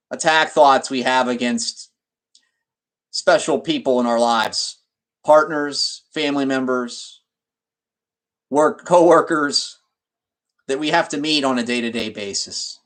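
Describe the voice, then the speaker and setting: This meditation guide is a man of medium pitch who instructs deliberately, using short phrases and stopping mid-sentence.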